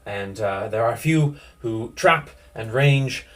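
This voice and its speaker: A man voicing a grave, weary young village man in a tabletop game, speaking with sighing sternness at a mid pitch. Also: slow pace, lightly acted.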